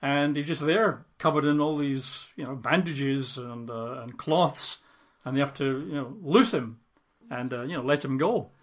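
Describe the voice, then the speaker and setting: A man's voice: mid-range voice, a little slow. A man teaching from the Bible, reading the passage aloud and breaking off into conversational commentary with fillers and asides. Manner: conversational asides with fillers, dramatizes quoted lines.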